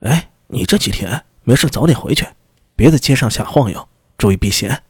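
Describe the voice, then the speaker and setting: A man's voice: mid-range voice, animated, normal speed, husky, dry recording, clean studio sound. A man reading an audiobook, voicing a brusque young male constable officer who gives blunt, warning advice. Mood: urgent advice.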